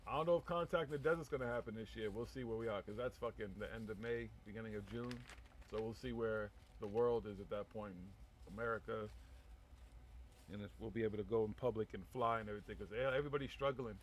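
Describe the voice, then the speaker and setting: A man's voice: fairly low pitch, steady tone, fast talker, slight background noise. A man hosting a casual live chat, speaking bluntly and rambling with heavy swearing. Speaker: talk show host.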